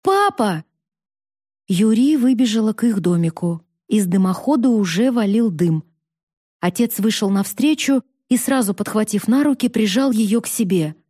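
A woman narrating a fantasy story in a steady, measured storytelling voice. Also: medium pitch, slightly rough, dry recording, clean studio sound. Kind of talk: expressive fantasy audiobook reading.

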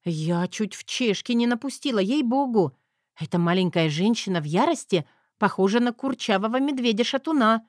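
A woman narrating a first-person audiobook with a sardonic, lively delivery. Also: fairly high pitch, normal speed, no echo, studio quality.

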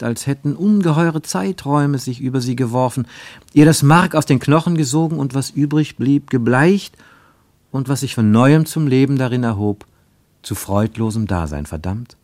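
A man with a medium-pitched voice reads a literary story as scripted radio narration. His phrasing is expressive and dramatic, and there is no echo.

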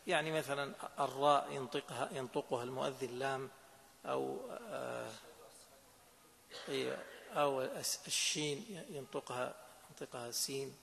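A man's voice: medium pitch, creaky, a bit bright. A man, a sheikh explaining a religious law text to students in a lesson and often checking that they understand. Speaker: sheikh teaching a fiqh text. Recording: echoey hall, faint background noise.

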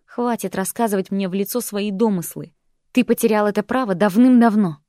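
A woman's voice: medium pitch, sing-song, moderate pace, no echo, studio quality, lightly acted. Woman reading a furious young heroine. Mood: angry. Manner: sharp, rising, indignant.

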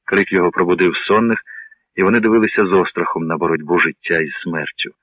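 A man narrating an audiobook with an even, measured reading. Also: low voice, dry recording. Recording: dry, narrow phone-like sound.

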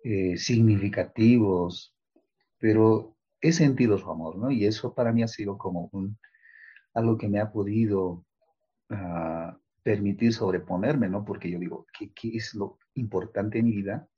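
A man interviewee speaking reflectively and haltingly, with many fillers. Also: fairly low pitch, mellow, husky. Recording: dull, lo-fi audio.

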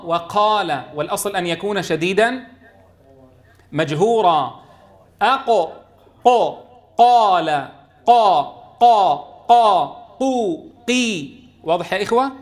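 A man teaching a Quran recitation lesson, drawing out and repeating letter sounds for his students to copy. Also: high-pitched. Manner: drills letter sounds slowly, stressing and repeating them. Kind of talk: tajweed lesson with drills.

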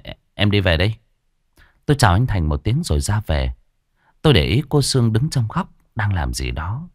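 A man's voice: low voice, a little mellow, breathy edge, no echo, clean studio sound. Dramatic man narrating a horror tale. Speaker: audiobook narrator. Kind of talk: first-person horror story narration.

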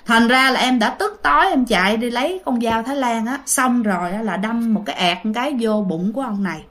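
A woman's voice: fairly high pitch, expressive, a little fast, a bit bright. A woman with a Southern Vietnamese accent telling a ghost story in a chatty, conversational way, full of fillers and addressing her listeners.

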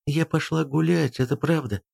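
Little princess, scared but defiant, pitched very high, voiced by a male reader. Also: normal speed, creaky, a little mellow. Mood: quiet. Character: small princess girl, frightened but defiant.

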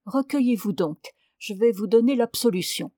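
A woman's voice: on the high side, expressive, moderate pace, no room sound, clean studio sound. A woman reading a storybook, voicing an elderly priest who reproves and counsels a penitent. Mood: solemn. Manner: solemn, sermonizing, gently reproving. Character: elderly male abbé, stern yet fussy confessor.

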